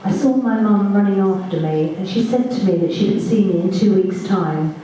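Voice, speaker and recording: A woman giving spoken first-person testimony at a reunion, measured and halting, with small restarts, in a large assembly hall on a distant mic. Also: mid-range voice, dark tone, a little hiss or hum. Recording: echoey hall from far off.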